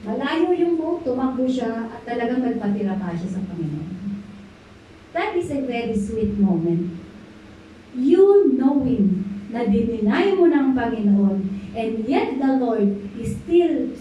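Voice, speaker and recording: A woman's voice: fairly high pitch, very animated, a little slow, dark tone, dull audio, a little hiss or hum. A middle-aged woman pastor preaching a sermon, drawing amens from the congregation and mixing in English. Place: church hall. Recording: echoey hall, voice from far off.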